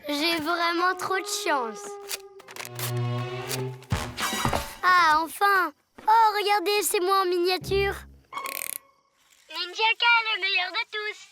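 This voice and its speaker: Cocky, high-pitched boy ninja villain. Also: steady tone, unhurried, pauses often. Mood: smug. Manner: cocky, taunting, gloating. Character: boastful little boy ninja villain with diabolical laugh. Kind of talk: animated children's cartoon dubbing. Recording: music behind the voice.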